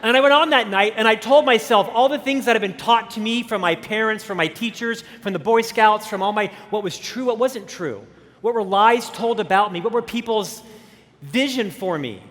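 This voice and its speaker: On a big conference stage, a keynote speaker in his fifties with a stutter and a high voice tells his own story in a motivational talk, animated and self-deprecating at a moderate pace. A long hall reverb rings around his words.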